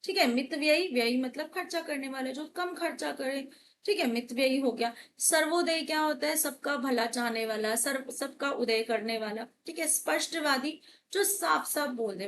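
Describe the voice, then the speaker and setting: A young woman teacher walks through an exam paper, asking questions and answering them herself as she explains. Her voice sits high and a bit bright, and there's a slight hiss or hum in the recording.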